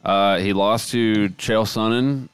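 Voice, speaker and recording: A man in his late twenties with a very low voice, co-hosting a podcast. He speaks bluntly and steadily, running through fight histories. The sound is dry and close, with no room. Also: steady tone, clean tone, dry recording. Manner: measured, lists fight records, blunt. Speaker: podcast co-host. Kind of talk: casual chat.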